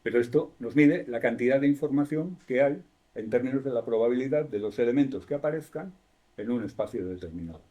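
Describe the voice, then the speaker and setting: A man's voice: medium pitch, a little fast, warm tone, highs cut off. A man with a Spanish accent giving a university lecture in a classroom, explaining step by step, asking the class questions and correcting himself as he goes.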